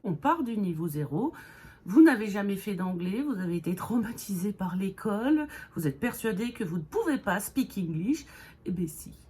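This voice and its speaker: A woman's voice: mid-range voice, lively intonation, normal speed, dark tone, slightly rough. A woman giving a humorous beginner English lesson in French, playful and jokey, with whispered asides. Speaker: English teacher.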